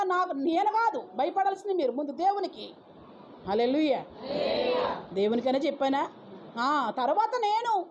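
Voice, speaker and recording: A woman's voice: high voice, a little mellow. A woman, a pastor's wife, telling a dramatic testimony in a sermon and scolding her listeners. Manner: scolding, dramatic storytelling with acted quotes. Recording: dull lo-fi recording with faint noise.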